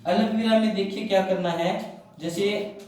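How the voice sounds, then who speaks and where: A man's voice: high-pitched, steady tone, moderate pace, a little mellow. A man explaining a grammar lesson in a classroom style, often asking questions and answering them himself. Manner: repetitive, asks and answers his own questions. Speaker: teacher. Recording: very echoey room, mic far off.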